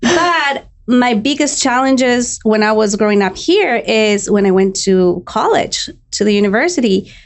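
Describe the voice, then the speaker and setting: Woman chatting on a podcast, fairly high voice. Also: lively intonation, measured pace, hardly any pauses. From Ecuador. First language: Spanish. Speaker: podcast guest. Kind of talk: casual chat.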